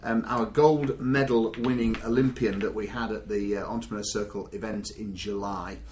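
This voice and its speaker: A man's voice: lowish voice, fairly even intonation, normal speed, a little mellow, a little hiss or hum. A man hosting a business podcast in casual chat, rambling with many fillers. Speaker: podcast host.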